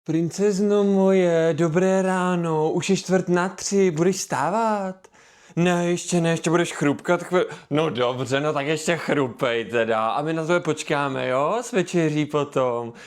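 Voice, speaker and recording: A gruff, low-voiced dad, acted by a man, who mumbles and rumbles well below the speaker's own range. He sounds soft with his daughter and blunt with his son. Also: hardly any pauses, natural voice. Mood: doting.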